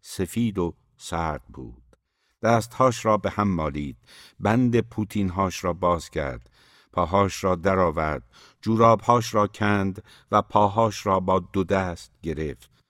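A man reading a novel aloud as its narrator, in a measured, steady way. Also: low voice, no room sound, clean studio sound. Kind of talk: audiobook narration.

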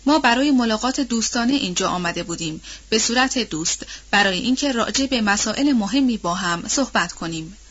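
Casting: woman narrator voicing a grasping middle-aged man, blustering threats, lower and quieter, muffled audiobook sound. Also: expressive. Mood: stiff.

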